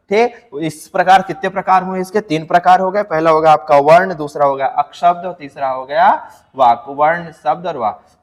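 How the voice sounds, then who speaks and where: A male teacher giving an exam-prep grammar lecture, asking his students questions and answering them himself, and drawing out example words slowly to show stress. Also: fairly high pitch, big-room sound. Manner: addresses students as friends, asks and answers own questions.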